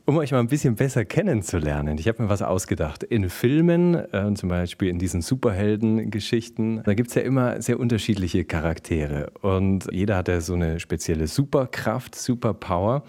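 Guy hosting a radio interview, lowish voice, polished intros and friendly questions. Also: lively intonation, moderate pace, hardly any pauses, warm tone. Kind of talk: broadcast interview moderation.

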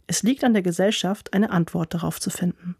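A woman's voice: fairly low pitch, brisk, creaky, mellow, breathy edge, no room sound, studio quality. A woman narrating a report with a wry, ironic edge.

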